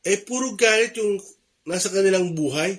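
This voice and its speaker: Earnest Filipino preacher, higher voice. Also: male voice, moderate pace, fairly bright tone. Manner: earnest, repeats points, rising emphasis. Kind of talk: sermon.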